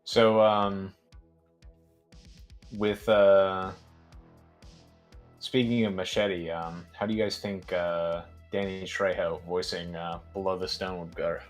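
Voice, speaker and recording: A man's voice: low-pitched, fairly even intonation, slow pace, long pauses, soft background music. A man from New Jersey in casual chat, hesitant with many fillers, laughing easily. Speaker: co-host.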